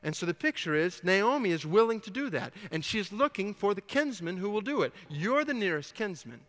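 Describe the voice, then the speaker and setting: A man preaching a sermon, animated, swinging from hushed to loud and acting out the dialogue. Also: high-pitched, fairly quick, big-room sound. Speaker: pastor.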